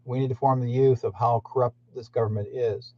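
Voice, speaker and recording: Speaking fairly quickly in a steady, dark, mid-range voice, this Canadian host of a channel addresses listeners directly in an indignant, rambling monologue. The audio is muffled and lo-fi.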